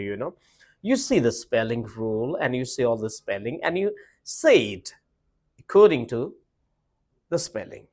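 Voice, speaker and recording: A man teaching a lesson, emphatic and repetitive, asking the viewers rhetorical questions. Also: medium pitch. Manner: emphatic, repeats points, asks rhetorical questions. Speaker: English teacher. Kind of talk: spoken English lesson to camera.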